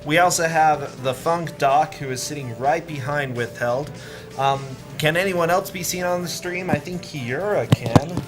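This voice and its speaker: A man's voice: a little high, over music. Upbeat man reading donations aloud. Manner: reads donor messages aloud in a brisk, upbeat way. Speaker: marathon host reading donations. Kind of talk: casual livestream hosting.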